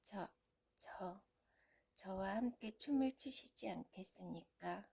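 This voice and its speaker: A gullible, lovestruck young prince, voiced by a woman in a storybook read to a young child. He speaks politely and hesitantly in a mellow tone. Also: medium pitch, takes it slowly, gravelly, breathy edge, heavily acted. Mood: courteous.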